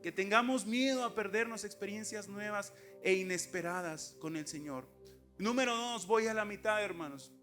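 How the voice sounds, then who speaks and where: A lay preacher, giving an emphatic, conversational sermon to a congregation in a church, full of rhetorical questions and asides. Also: male voice, high voice, normal speed, a bit bright, soft background music. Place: church sanctuary.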